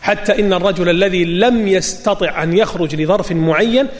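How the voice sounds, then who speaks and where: A man giving a sermon, retelling a story dramatically and rising to near shouts on quoted cries. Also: sits high, brisk. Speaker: preacher. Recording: long reverb.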